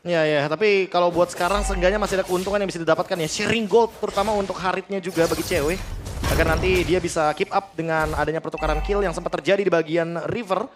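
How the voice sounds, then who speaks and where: A man's voice: high voice, fairly even intonation, quick pace, slight background noise. A man giving analytical esports commentary as a co-caster, explaining tactics as the match runs.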